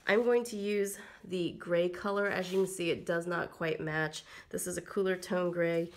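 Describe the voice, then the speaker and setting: With a lowish voice, fairly even intonation, and a normal speed, a planner vlogger chats casually while planning. She's slightly froggy after a cold and uses lots of ums and likes.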